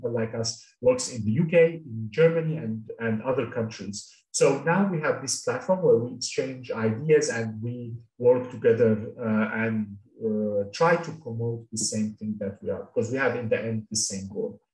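A middle-aged man from Syria speaks over a video call, pausing and restarting often as he presents. His voice sits at an ordinary pitch. It sounds roomy and somewhat distant from the mic. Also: a little mellow. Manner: hesitant, many restarts and fillers. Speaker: panel speaker, cluster coordinator. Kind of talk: webinar presentation.

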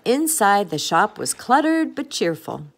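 A woman reading a picture book aloud in an expressive, gentle way. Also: medium pitch, measured pace. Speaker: storybook reader.

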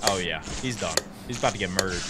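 A young man co-hosting a reaction video in casual group chat, excitable and quick to laugh and shout. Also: low-pitched, very noisy.

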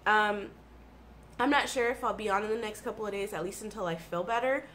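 American woman, thirties, congested and sniffly, casual vlog chat, enthusiastic, self-deprecating, medium pitch, noisy home-room recording. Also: a little fast, fairly bright tone. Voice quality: congested, slightly froggy from allergies. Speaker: video blogger and streamer. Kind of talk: casual chatty favorites vlog. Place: small home room with computer desk. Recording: clear background room noise.

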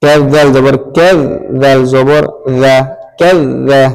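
A man teaching Quran reading, patiently spelling out each syllable and blending them in a slow, repetitive drill. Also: mid-range voice, fairly even intonation, darkish tone, smooth. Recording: long hall reverb.

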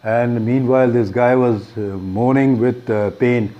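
A man with an Indian accent retells a short story off the cuff, pausing often with fillers and restarts, on a dull lo-fi recording. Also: medium pitch, steady tone, dark tone. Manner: hesitant, many fillers and restarts. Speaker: book talk presenter.

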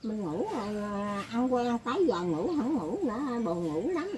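A woman's voice: a little high, expressive, a little slow, crowd noise. An elderly woman talking in a rambling, casual way, often laughing as she speaks. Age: older. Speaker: elderly woman being interviewed.

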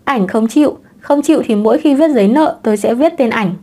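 A woman's voice: fairly high pitch, fairly quick, warm tone, natural voice. A woman voicing a brazen, cheeky young divorced mother in an audiobook romance. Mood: teasing.

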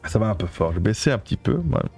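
A man's voice: on the low side, sing-song, very fast, vocal fry, over music. A man with a French accent streaming a game live, reading the on-screen text aloud and translating it, with many fillers and self-corrections. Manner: chats with viewers and thanks them. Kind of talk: casual live game commentary.

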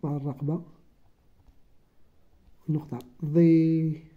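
A teacher with a Moroccan accent giving a first-grade Arabic writing lesson, slowly sounding out letters and syllables one by one. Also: mid-range voice, flat delivery. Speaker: primary school teacher. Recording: dull lo-fi recording.

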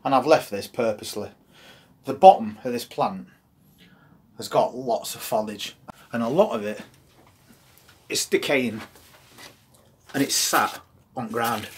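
A man's voice: medium pitch, a little mellow, a little hiss or hum. A man, giving practical gardening advice straight to camera from a greenhouse. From England. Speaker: gardening channel host. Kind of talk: instructional gardening video. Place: greenhouse on an allotment.

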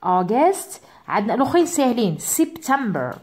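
A woman teacher with an Algerian Arabic accent stretches out each word and repeats it for her pupils. Her voice sits fairly high and swings widely in pitch. She moves now and then away from the mic. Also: sing-song. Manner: drawn-out repetitions of words for pupils. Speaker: English teacher. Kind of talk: classroom lesson.

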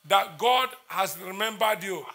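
A man's voice: high-pitched, animated, unhurried, pushed and bright. A man, preaching as a prophet in a church service, intense and repetitive as he declares prayers.

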